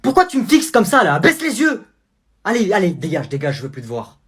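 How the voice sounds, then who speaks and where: A man's voice: high-pitched, big pitch swings, fairly quick, pitched above the performer's own voice. A man playing a screeching strict mother. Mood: yelling. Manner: shouting, bossy, relentless. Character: furious strict mother scolding her son.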